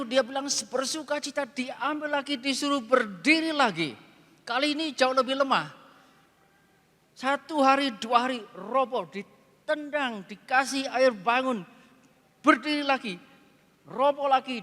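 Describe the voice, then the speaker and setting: High-voiced pastor preaching in a reverberant hall. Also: male voice. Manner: dramatic retelling, often dropping to a hushed low voice; heavy repetition for emphasis. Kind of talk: sermon with dramatic storytelling. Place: large retreat hall.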